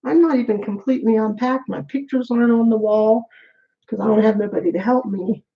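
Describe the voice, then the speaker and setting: This middle-aged vlogger speaks fairly quickly in a slightly high voice, rambling candidly and muttering to herself while braiding her hair on camera, a little breathless. The sound is lo-fi.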